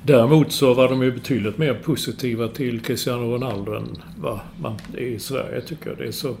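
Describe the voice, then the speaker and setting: A man's voice: mid-range voice, gravelly, noisy background. A man in casual sports chat, explaining business details with enthusiasm and the odd swear. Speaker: podcast co-host.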